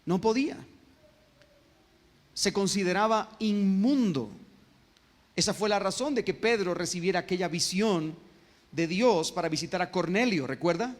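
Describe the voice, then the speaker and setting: A man's voice: high voice, animated, normal speed, long pauses, in a large hall. A male pastor preaching a sermon, often stopping to ask his congregation questions. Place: church sanctuary.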